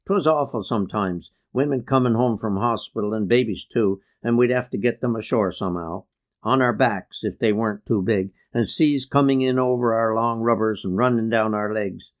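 An easygoing old woodsman, in a man's reading voice, telling yarns about the old days. His delivery is relaxed and unhurried, close to a plain speaking voice, with a homely outport turn of phrase. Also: lowish voice, close to an everyday voice. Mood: reminiscing. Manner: easygoing storytelling. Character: old male Newfoundland woodsman yarning.

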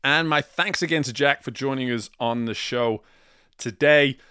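A man's voice: mid-range voice, normal speed, pushed and bright, clear, resonant tone, no room sound. Earnest male podcast host, dry sound. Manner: earnest, upbeat, repeats words while thinking. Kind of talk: podcast wrap-up talk.

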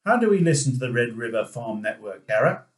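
A man co-hosting a podcast, asking questions in a lively way. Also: mid-range voice, brisk, echoey room. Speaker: podcast co-host. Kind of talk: casual podcast interview.

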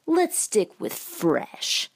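A man's voice: high voice, huge pitch swings, extremely slow, vocal fry, slightly rough, full character voice. A woman voicing a practical, frugal father who talks in a matter-of-fact, dismissive way. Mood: firm.

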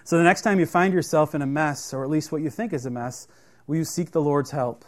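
Guy preaching a sermon, reads the verses then talks it through, lots of uh and restarts. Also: fairly high pitch. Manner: plain-spoken, halting, many fillers and restarts; reads scripture aloud, then explains it conversationally.

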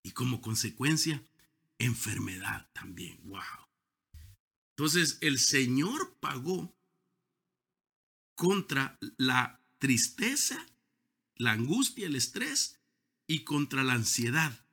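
A man's voice: mid-range voice, very animated, slow, gravelly, pauses often, sharp tone, breathy edge. A man preaching a sermon with emphasis, stretching key words and sometimes repeating himself.

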